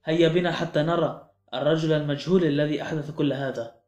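A man's voice: on the high side, fairly even intonation, fast talker, a little mellow, natural voice. A man reading as a composed old colonel. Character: older retired army colonel, composed. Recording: echoey room with faint music.

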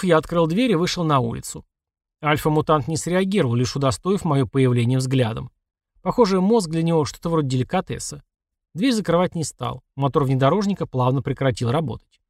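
A man's voice: on the high side, darkish tone, no echo, studio quality. A man reading a first-person audiobook in a tense, matter-of-fact way. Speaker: audiobook narrator.

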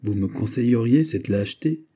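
A man's voice: mid-range voice, animated, moderate pace, dark tone, slightly rough. A man reading aloud, voicing a proud, impassioned nobleman who speaks with a commanding, indignant tone. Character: proud, impassioned male nobleman, a finance minister.

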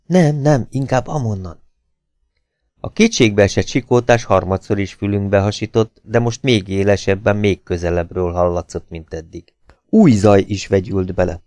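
Brief: male narrator, low warm tone, dry close sound, measured dramatic reading. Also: fairly even intonation, dry recording. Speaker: audiobook reader. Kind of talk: scripted narration.

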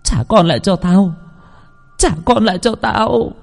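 A man's voice: sits high, unhurried, vocal fry, faint music behind, pitched above the performer's own voice, exaggerated voice. A man voicing an older village woman, a frantic grieving mother who shrieks and cries for her lost child in a spoken horror story. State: crying.

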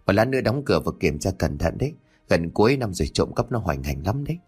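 A man's voice: low-pitched, big pitch swings, fast talker, a little mellow, slightly rough, faint music behind, pitched below the performer's own voice, exaggerated voice. A man doing a young father in a story. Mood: calm. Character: young father, anxious then frantic.

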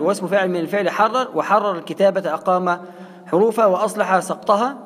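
An Egyptian man teaches Quran recitation at a brisk, fast clip. His voice sits high and rings with a long hall reverb. He keeps turning to his listeners with rhetorical questions. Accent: Egyptian Arabic. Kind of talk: explanatory religious lesson.

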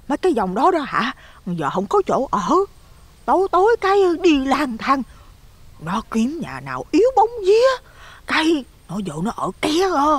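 A man's voice: very high-pitched, voice pushed up, heavily acted. Man voicing a gossipy old village woman. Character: gossipy plump village woman in her sixties, loud, nosy.

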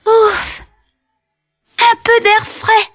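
A woman voicing a tiny, plucky little boy in a storybook tale, high and squeaky. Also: little pitch movement, very slow, fairly bright tone, long reverb tail, soft background music, full character voice. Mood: relieved.

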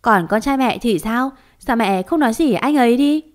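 A woman's voice: on the high side, animated, normal speed, natural voice. Woman voicing a defiant indignant young wife.

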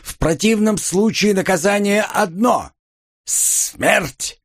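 A man's voice: sits high, takes it slowly, pitched above the performer's own voice, exaggerated voice. A man voicing a stern old male professor who turns into a hissing monster, scolding a student in an audiobook. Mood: menacing.

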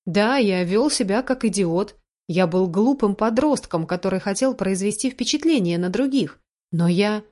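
An earnest young man pleads and explains himself, as a woman reader voices him. He speaks in a steady, urgent way, read from a storybook. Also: medium pitch, normal speed, lightly acted. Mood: defensive.

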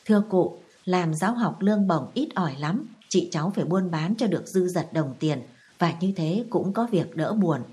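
A young schoolteacher, as a woman reads him aloud, stiffly courteous and deferential to an elder. The voice stays low and warm. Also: animated, moderate pace, close to an everyday voice. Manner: deferential and very formal. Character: young male schoolteacher, polite but resentful.

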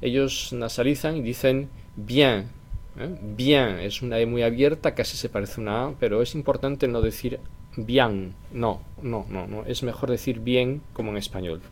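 A man teaching a language lesson, explaining slowly and repeating example phrases, often ending a point with a quick "eh?". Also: medium pitch, darkish tone. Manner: tag question "eh" after points. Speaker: French teacher.

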